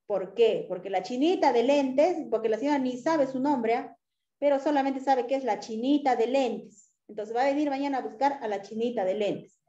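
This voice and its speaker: A woman teaches pharmacy customer service in an animated lecture, often checking in with her listeners. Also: sits high, normal speed. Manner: animated, acts out customer exchanges, tag questions. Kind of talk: lively lecture with acted examples. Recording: echoey room, dull lo-fi sound.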